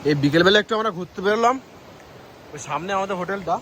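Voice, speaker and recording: A man narrating a casual travel vlog outdoors by a mountain river, chatty and excited as he talks to his viewers. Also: sits high, rapid-fire. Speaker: travel vlogger.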